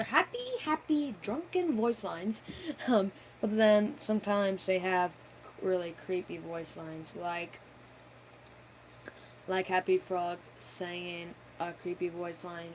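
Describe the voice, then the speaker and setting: A woman's voice: fairly low pitch, slight background noise, low-quality recording. A woman hosting a gaming channel, giving an unscripted live-stream game theory talk, rambling with many fillers and self-corrections.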